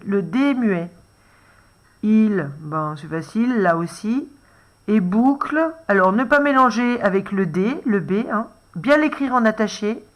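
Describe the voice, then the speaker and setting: Patient, unhurried French woman teacher guiding young children through a dictation letter by letter. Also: a little high. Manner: gentle, explains letter by letter, reminds to pause the video. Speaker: first-grade teacher.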